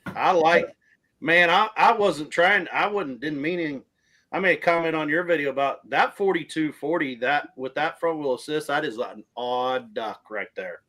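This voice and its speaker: A man's voice: fairly high pitch, moderate pace, sharp tone. A man chatting casually, plainspoken with hesitant restarts. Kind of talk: casual chat.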